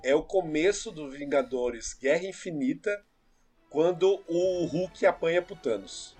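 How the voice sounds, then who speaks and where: A man sharing strong opinions in a casual podcast chat. His voice sits high and has a raspy, breathy edge, and he presses his points earnestly. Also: animated, a little slow, a little mellow, faint music behind.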